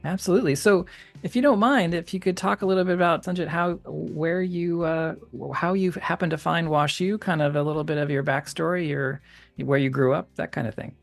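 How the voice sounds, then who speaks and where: A man's voice: fairly high pitch, brisk, vocal fry, faint music behind. A man hosting an interview podcast, friendly and chatty, with frequent fillers and restarts. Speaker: podcast host.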